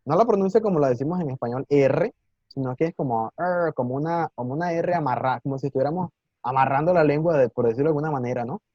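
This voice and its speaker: Here a man leads a live Mandarin class online, his voice on the high side. He's patient and supportive, regularly checking in with learners and enunciating words slowly and clearly, captured in a muffled recording free of room sound.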